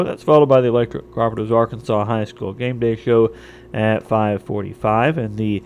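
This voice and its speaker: A man's voice: on the low side, darkish tone, a little hiss or hum. A man reading a scripted local radio sports and weather newscast as a station announcer. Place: radio studio.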